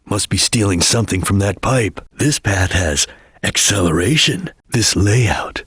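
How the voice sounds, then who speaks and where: An actor playing a serious, disciplined chameleon ninja detective in a video game, husky and terse, speaking in measured lines. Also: male voice, lowish voice, a bit bright, no room sound, clean studio sound, full character voice. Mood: calm, instructive.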